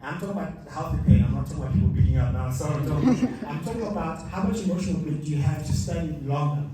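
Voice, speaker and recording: Recorded from far away on an echoey hall mic, the sound is very noisy as a man delivers a live motivational masterclass. He talks fast in a somewhat high voice, emphatically repeating his key lines to the audience in the large hall.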